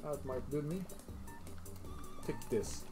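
A man gaming with friends, panicking and cursing as things go wrong, then laughing it off. His pitch swings widely as he talks, and his delivery is unhurried between outbursts. Game music plays clearly behind him. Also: animated, warm tone. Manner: frantic, swearing, laughing through stress. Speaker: gamer. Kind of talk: casual co-op gaming chat.

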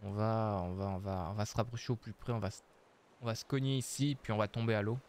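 A man's voice: fairly low pitch, steady tone, fast talker, a little mellow, a little hiss or hum. A man casually commenting on his survival game as he plays, thinking aloud with many hesitations. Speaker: streamer playing a survival game.

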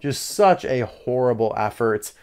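A man's voice: mid-range voice, lively intonation, a little slow, a little mellow, clear, resonant tone. A man chatting casually as he unboxes and reviews collectible toy cars, candid and dryly sarcastic.

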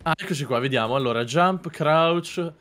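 A man playing along as a guest on a live gaming stream, excitable, swearing often and yelping in panic. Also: a little high, normal speed. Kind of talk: casual gaming chat on a livestream.

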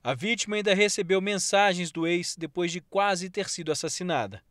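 Um repórter de televisão com sotaque brasileiro narrando uma matéria de forma pausada e formal. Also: male voice, high voice, a bit bright. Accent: Brazilian. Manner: measured, formal. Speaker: TV news reporter. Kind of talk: scripted news narration.

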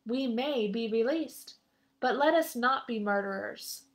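A woman's voice: a little high, unhurried. A woman voicing a male pilgrim who earnestly encourages his suffering friend to hold on.

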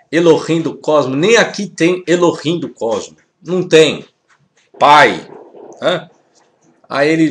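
A Brazilian man teaches a theology lesson to camera, reading out Aramaic terms slowly and carefully. His pitch moves a lot as he explains, and he keeps checking in with his viewers, calling them "senhores". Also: a bit bright. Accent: Brazilian Portuguese. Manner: addresses viewers formally as "senhores". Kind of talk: spoken video lesson on Aramaic texts.

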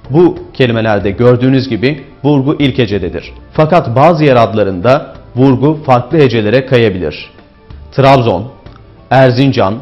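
A man giving a diction lesson, explaining word stress slowly and deliberately and stressing each example word. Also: medium pitch. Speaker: diction instructor. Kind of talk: instructional lecture. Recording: dull lo-fi with faint music.

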